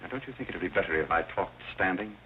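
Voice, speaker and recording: An actor playing a courteous, unflappable butler, trading 1930s screwball comedy banter with polite deadpan understatement. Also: male voice, low voice, rapid-fire, noisy background, close to an everyday voice. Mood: dry, courteous. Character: courteous, dryly amused new butler, unflappable. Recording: thin tinny old film soundtrack, music behind.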